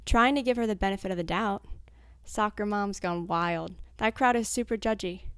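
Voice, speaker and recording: Young woman, 20s, interviewee; blunt, confessional, swears a lot; slight vocal fry. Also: medium pitch, no room sound, studio quality. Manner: blunt, frank, swears freely. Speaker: anonymous interviewee. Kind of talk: candid recorded interview, cut into fragments.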